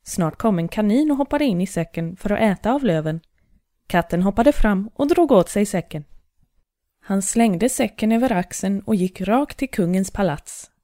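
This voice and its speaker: Female storybook narrator: calm, even, warm dark tone, dry close recording. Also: medium pitch, no room sound.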